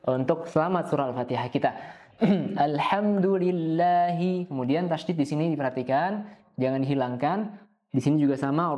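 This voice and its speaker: A man teaching careful recitation, slowly drawing out each verse before explaining it briskly, tagging "ya" onto nearly every phrase and clearing his throat now and then. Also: on the high side, a little mellow, dull audio. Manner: adds "ya" as a tag after nearly every phrase. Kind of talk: tajwid lesson with slow demonstration recitation.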